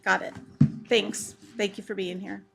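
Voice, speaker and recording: A woman's voice: medium pitch, level tone, a little slow, music in the background. A woman chairing a meeting, informally moderating public comment in short remarks. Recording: clear background noise, clicks.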